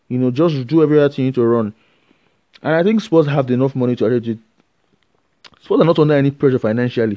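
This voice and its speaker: Solo football podcast host, male, animated and rambling, mid pitch, dull dry recording. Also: no room sound. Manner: animated, rambling opinions with many fillers and restarts.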